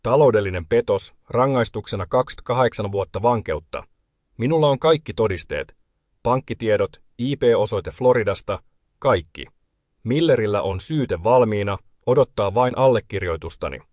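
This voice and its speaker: A man voicing an unshakable widowed grandmother who speaks calmly and coldly. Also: on the low side, dry recording, studio quality, lightly acted. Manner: calm, clipped, cold. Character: cold, unshakable widowed grandmother, older woman.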